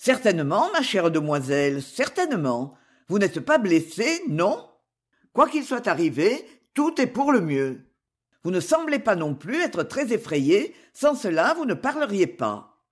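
A woman playing a measured, formal old lawyer. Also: mid-range voice, big pitch swings, breathy edge. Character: fussy, fair-minded older male lawyer. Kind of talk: audiobook character reading.

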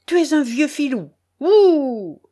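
A woman voicing a small boy who reproaches his grandfather with sharp, indignant cries. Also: fairly high pitch, big pitch swings, a little slow. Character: small boy, fierce and frightened.

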